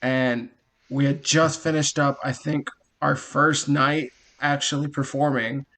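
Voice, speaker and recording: Man in his thirties with a lively storytelling voice. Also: mid-range voice, measured pace. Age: 30s. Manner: lively storyteller who laughs at his own tales. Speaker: podcast co-host. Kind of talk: casual chat.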